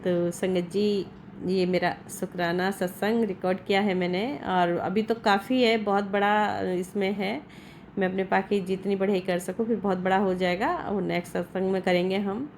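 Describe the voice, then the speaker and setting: A woman's voice: medium pitch, steady tone, normal speed, darkish tone, slight background noise. A middle-aged woman recording a devotional gratitude talk at home. She speaks fervently, repeats her thanks again and again, and speaks straight to her guru. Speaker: devotee giving a gratitude testimony.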